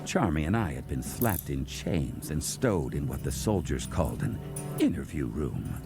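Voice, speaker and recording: A man playing a gruff, hardboiled crocodile detective, narrating his case in a wry noir style with a gravelly voice. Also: very deep voice, big pitch swings, moderate pace, heavily acted. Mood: wry, brooding. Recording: music bed under the voice.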